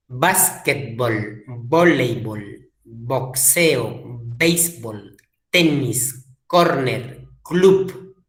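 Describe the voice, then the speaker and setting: A man teaching a language class, slowly repeating key words for emphasis. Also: medium pitch. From Peru. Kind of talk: classroom lecture. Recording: echoey room.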